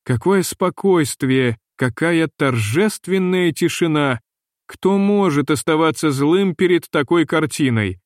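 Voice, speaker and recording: A man reading the part of a gentle, refined young woman who speaks softly and slowly, in a dry recording. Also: on the high side, animated, no echo, voice pushed up. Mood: admiring.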